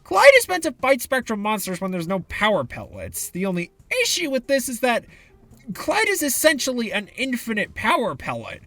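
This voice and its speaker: Sarcastic, lively high-voiced man. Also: normal speed, no room sound, faint music behind. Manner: sarcastic, exasperated ranting. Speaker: video game reviewer. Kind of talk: commentary video essay.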